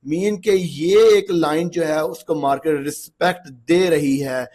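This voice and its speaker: A man with a somewhat higher voice than most, sounding a little hoarse after a long day of talking. He explains charts in a loose, conversational way and keeps checking in with the listener. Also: measured pace, a little mellow. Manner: chatty, repeats checks like "okay ji" and "look". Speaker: trading instructor. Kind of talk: casual screen-walkthrough lesson.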